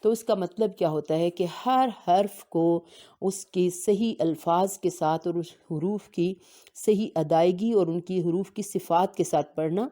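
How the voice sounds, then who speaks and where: A woman teaching Quran recitation in a lowish, mellow voice. She explains at a steady pace and slows down to recite the Arabic verses with care. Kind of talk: religious lesson.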